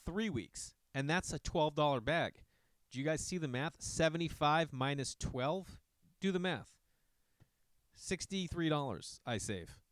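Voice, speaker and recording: Middle-aged podcast host, rambling and profane, smooth voice, dry close sound. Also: male voice, on the high side, no echo. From Massachusetts. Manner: rambling, profane, chatty asides to listeners. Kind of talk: casual monologue.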